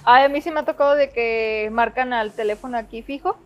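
A woman's voice: a little high, a little fast, over a noisy crowd. A woman with a Mexican Spanish accent, a podcast guest chatting bluntly and swearing freely. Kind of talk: casual chat.

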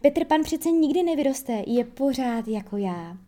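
A self-assured little girl speaks in a high, airy voice, as a woman reading the storybook puts her on. Her tone stays soft and mellow, and she answers everything as if it were obvious. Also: expressive. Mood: breezy. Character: young girl, calm and matter-of-fact.

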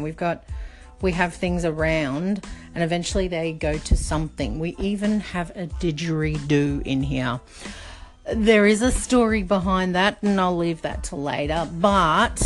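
A middle-aged woman from Australia hosting a casual podcast, chatty and rambling with many fillers. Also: lowish voice. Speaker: podcast host.

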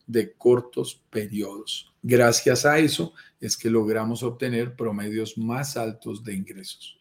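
A man's voice: mid-range voice, steady tone. A man co-hosting a live stream, answering viewer questions and reading out names. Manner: explains quickly, reads out viewer names. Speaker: co-host of a real estate investment live stream.

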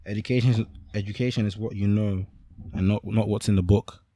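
A man's voice: lowish voice, fairly even intonation, brisk, dark tone, no room sound. A man in his twenties with a London roadman accent, co-hosting a casual podcast chat full of slang and repeating himself for emphasis. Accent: London roadman, multicultural urban London. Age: 20s. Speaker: podcast co-host.

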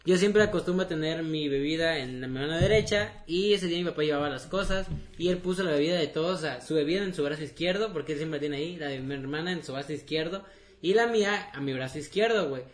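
A man's voice: a little high, quick pace. A young man with a Mexican accent, telling stories in a slangy, casual podcast chat. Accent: Mexican Spanish. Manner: slangy, storytelling with acted-out quotes. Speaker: podcast co-host.

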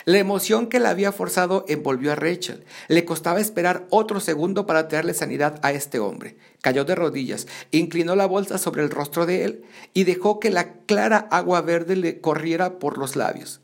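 A man reads a novel aloud in a steady, storytelling voice that is gravelly with fry. His pitch sits a little high, and he restarts lines when he stumbles. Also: normal speed. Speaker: audiobook reader.

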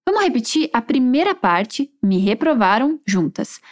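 Woman, language teacher, high and animated, slows down to model phrases. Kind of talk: language lesson.

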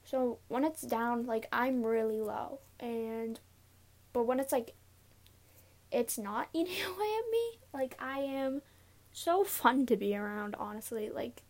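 Young woman, higher-pitched, nervous and giggly, halting casual solo podcast delivery from inside a closet. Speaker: podcast host. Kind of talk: casual confessional solo talk. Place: inside a closet, sitting on a pillow.

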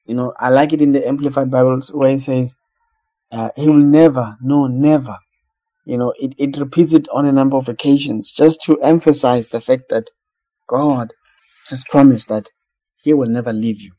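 A man's voice: medium pitch, steady tone, normal speed, warm tone, low-quality recording. A man from South Africa preaching a sermon, earnest and repeating phrases for emphasis.

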